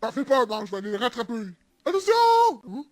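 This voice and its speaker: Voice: mid-range voice, big pitch swings, a little fast, natural voice. A performer with a Quebec French accent voicing a bungling, foul-mouthed burglar in a parody dub, crying out and cursing as if just hurt. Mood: angry, menacing. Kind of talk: parody film dubbing.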